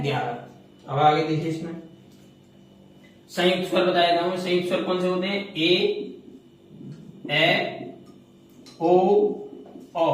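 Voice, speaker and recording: A man teaching a Hindi grammar lesson. He asks questions and answers them himself, and he repeats the key terms. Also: high voice. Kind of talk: classroom lecture. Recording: echoey room, mic far off.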